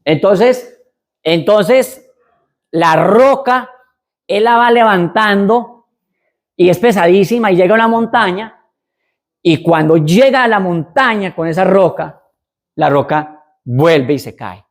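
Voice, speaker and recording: A middle-aged man tells an ancient myth as part of a talk. His voice sits a little high, and he speaks loosely, with restarts and side remarks to the listeners. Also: lively intonation, slow, long pauses. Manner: retells a myth casually with asides and restarts. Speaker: speaker on mental health and leadership. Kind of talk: storytelling lecture.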